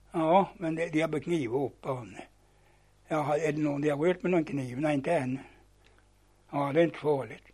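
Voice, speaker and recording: An older man with a husky, slightly high voice spins old yarns, switching into the voices of the people in his stories. He stumbles over words and starts sentences again as he talks. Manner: animated yarn-spinning, acting out dialogue, repeats and restarts words. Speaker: storyteller. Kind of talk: spoken reminiscence, telling old anecdotes.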